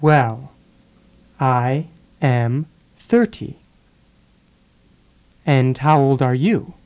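On a lo-fi recording, an English teacher with a darkish, middle-range voice leads a slow phrase drill. Words come one at a time, carefully spaced with pauses after each, so learners can follow.

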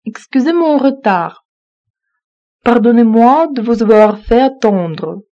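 Slow, mellow woman reading phrases. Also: a little high, lively intonation, lo-fi sound. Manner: reads each phrase twice, evenly. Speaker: French phrase reader.

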